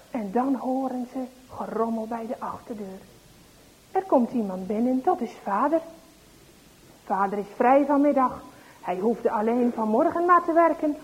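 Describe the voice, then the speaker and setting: Expressive woman reading a children's story. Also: on the high side. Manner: expressive, swinging from hushed to excited. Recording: dull lo-fi recording.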